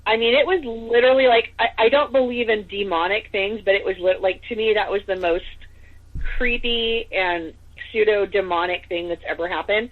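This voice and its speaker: A woman's voice: mid-range voice, moderate pace. Chatty woman over a tinny phone-like line. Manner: chatty, full of "like" and "you know". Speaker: podcast guest. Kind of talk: casual storytelling.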